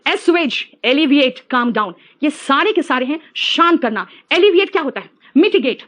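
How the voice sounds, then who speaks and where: Woman, middle-aged, high voice, lively and teasing, online class lecture. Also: slow pace. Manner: lively, teasing, mixes English phrases into talk. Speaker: English teacher.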